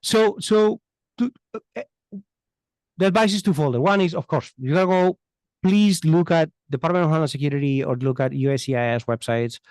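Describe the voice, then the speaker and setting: Speaking with a heavy foreign accent, this male immigration lawyer gives off-the-cuff podcast answers, earnestly driving points home and repeating phrases. His pitch is a little high, his pace a little quick, and his tone slightly mellow. There's no echo.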